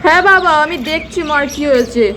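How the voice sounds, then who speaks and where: A woman's voice: sits high, fast, bright, forceful tone, slight background noise. A woman voicing a grumpy, skeptical father who scoffs and scolds in a doll cartoon. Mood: alarmed.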